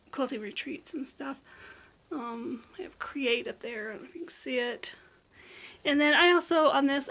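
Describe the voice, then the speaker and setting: Middle-aged American woman, slightly high pitch, hoarse and raspy with whispery breaks; casual, self-correcting home vlogger. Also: fairly bright tone. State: hoarse, losing her voice. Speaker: vlog host. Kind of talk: casual chatty craft room tour. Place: small room at home, indoors.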